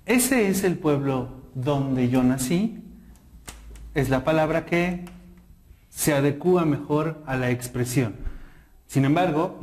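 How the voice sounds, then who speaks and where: A man teaching a grammar lesson in a methodical way, slowing down to read out example sentences. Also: a little high, darkish tone.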